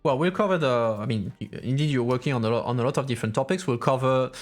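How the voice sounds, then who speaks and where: A man's voice: mid-range voice, fast talker. Man hosting a livestream interview over music. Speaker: host and interviewer of a political livestream.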